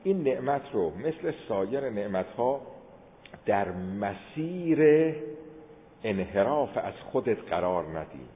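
Male preacher, storytelling sermon, middle pitch, thin phone-like audio, long hall echo. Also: very animated. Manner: storytelling, dramatic swings from quiet asides to loud exclamations. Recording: tinny phone-like sound with long hall reverb.

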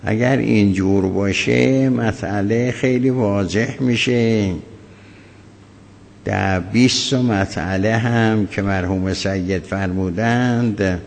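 A deep, gravelly man delivers a religious law lecture, measured and halting, often stopping mid-thought. His voice rings with a long hall echo over a faint hum of ambience. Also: steady tone, darkish tone. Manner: measured, halting lecture with many pauses and fillers. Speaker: cleric teaching jurisprudence.

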